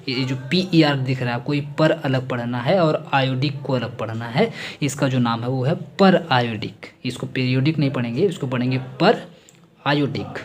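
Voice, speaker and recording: A man teaching chemistry in a chatty, repetitive way, mixing Hindi with English terms and hammering home exam points. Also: medium pitch. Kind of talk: exam-focused classroom lecture.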